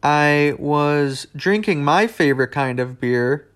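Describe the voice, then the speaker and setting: A man's voice: on the high side, lively intonation, slow pace, fairly bright tone, clean tone. A young man hosting a podcast in a casual, rambling, conversational way, full of asides. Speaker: podcast host. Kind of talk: casual solo podcast talk.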